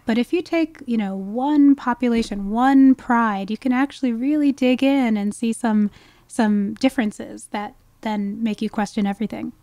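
Speaking at a normal speed in a dry recording, a female wildlife ecologist explains her subject with enthusiasm as a guest expert. Her pitch is fairly high, yet her tone is dark, and the interview is conversational.

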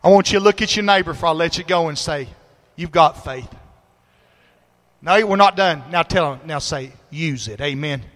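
A pastor preaches in a sanctuary, his high, bright voice ringing out with long reverb around it. He tells his story in a folksy, conversational way before climbing into loud, shouted praise. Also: moderate pace. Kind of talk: sermon. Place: church sanctuary.

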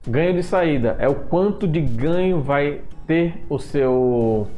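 A man walking through his microphone filter settings in a screen-recorded software tutorial, often restarting phrases and repeating points as he goes. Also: a little high, lively intonation, slow pace, dull audio, faint music behind. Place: home room with street noise outside. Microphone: desktop microphone at a computer.

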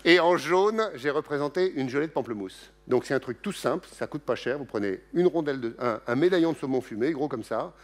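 A middle-aged man gives a public science lecture in a lively, joking way. His pitch leaps up and down as he talks, and he often breaks off to restart a sentence or add an aside. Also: brisk, few pauses. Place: lecture hall.

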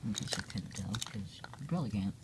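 In a low-pitched voice with lively intonation and a slightly quick pace, a person reads their own hand-drawn comic aloud at home, casually stumbling, self-correcting and apologizing. It was recorded on a handheld device aimed at the pages, and the audio is very noisy.

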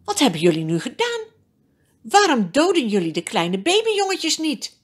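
A stern, scheming king giving urgent orders in a children's storybook, as a woman reading aloud puts him on. The voice is husky, low and slow, and it swings widely in pitch. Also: sing-song, heavily acted. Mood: scheming, commanding. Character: stern scheming Egyptian king, adult man.

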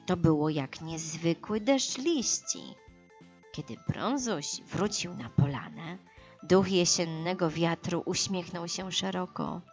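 A woman narrates a scripted audiobook for children, telling the story expressively and dramatically at an unhurried pace. Her voice is fairly low, the sound is lo-fi, and soft music plays in the background.

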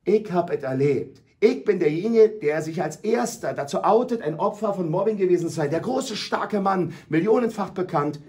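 A middle-aged man tells his stories with a stage speaker's force, loud and dramatic, acting out each scene. His voice sits a little high for a man. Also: animated, a little fast, few pauses. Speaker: anti-bullying speaker visiting schools. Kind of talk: emphatic storytelling in a radio talk.

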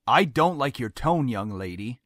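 A man's voice: medium pitch, animated, measured pace, a bit bright, dry recording, clean studio sound. An actor voicing a stern, controlling middle-aged father who talks coldly and commandingly. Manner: cold, commanding, explodes in anger.

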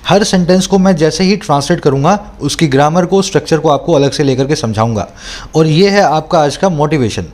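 A young man teaching English for exams, explaining words slowly and repeating each term in two languages. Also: on the high side, a little mellow. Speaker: English tutor. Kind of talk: exam-prep lesson.

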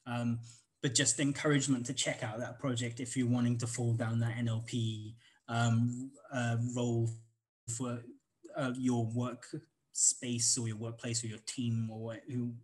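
A man's voice: mid-range voice, flat delivery, normal speed, low-quality recording. Welsh guy walking through code live, lots of ums, casual and rambly. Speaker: conference instructor. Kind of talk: live coding walkthrough.

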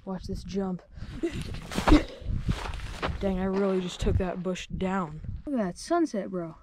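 A teenage boy with a high voice vlogs casually from a windy mountaintop, speaking at a measured pace. He's excitable and slangy, exclaiming often. He holds the action camera at arm's length, and its outdoor audio is noisy.

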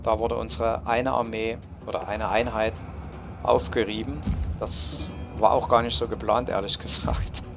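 A man's voice: lowish voice, little pitch movement, unhurried. A man hosting a let's play, giving casual game commentary and musing aloud as he talks to his units. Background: game music and battle sounds.

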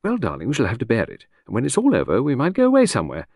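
A man putting on a high, lilting voice for a flighty older lady of the gentry, who chatters on in a breezy, rambling way. Her voice swoops up and down, and the recording is close and dry. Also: huge pitch swings, very fast, darkish tone, no room sound. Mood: dreamy.

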